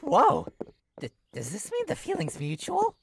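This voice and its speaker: A flirty, possessive demon jester from a horror game. The delivery is theatrical and hugely animated, sliding between singsong teasing and sinister purrs at an unhurried pace. There is clear noise behind the voice. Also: female voice, sits high, heavily acted. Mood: teasing, gleeful. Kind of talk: visual novel horror game character acting.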